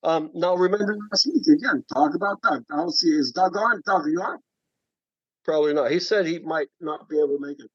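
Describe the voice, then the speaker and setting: A man speaking over a conference call from his cell phone, halting and repeating words as he explains a woodturning project. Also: fairly high pitch, breathy edge, dry recording. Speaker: woodturning club member showing his work. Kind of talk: casual chat on a group call. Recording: dull dry phone-call audio.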